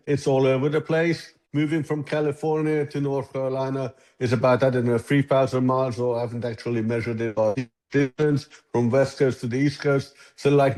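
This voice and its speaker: A man's voice: mid-range voice, a little mellow, poor audio. A Hungarian-born man in his sixties, a tech founder answering interview questions thoughtfully and often restarting his sentences. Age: 60s. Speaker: app founder and guest. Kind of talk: conversational interview.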